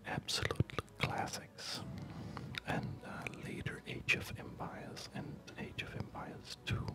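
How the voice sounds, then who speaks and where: In an ASMR gaming commentary, a male video creator in his thirties whispers softly and breathily, speaking gently with hesitant pauses. Music plays in the background.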